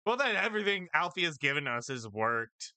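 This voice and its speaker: A young man streaming a wrestling game, reacting and joking over the cutscenes. His voice is bright and forward, with a dry, close headset sound. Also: a little high, very animated, a little fast, clean tone, dry recording. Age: 20s. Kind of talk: gameplay commentary.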